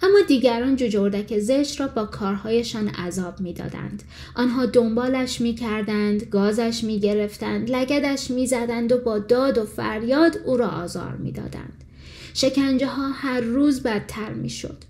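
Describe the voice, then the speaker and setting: A woman reading a fairy tale as an audiobook narrator, in calm, measured storytelling. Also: a little high.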